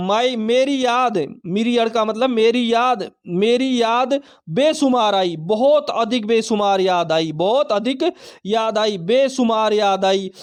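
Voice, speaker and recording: Male exam-prep tutor, very high voice, drills each word through repetition and mnemonic questions. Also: smooth. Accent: Hindi-speaking Indian. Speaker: vocabulary teacher. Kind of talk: online exam-prep lesson.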